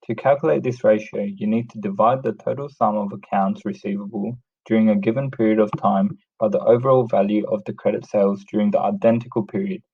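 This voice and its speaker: A man reading a prepared script as a steady, plain narration over a lo-fi screen recording. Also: fairly low pitch, a little fast, hardly any pauses, husky. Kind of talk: read-aloud screencast narration. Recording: dull lo-fi sound, distant from the mic.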